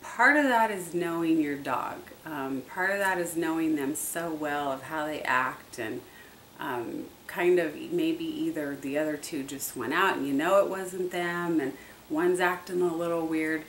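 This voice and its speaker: Low-voiced woman chatting in an echoey room. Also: measured pace. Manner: chatty, repetitive, many fillers. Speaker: dog owner vlogger. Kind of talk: casual how-to talk. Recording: echoey, distant from the mic, faint hiss.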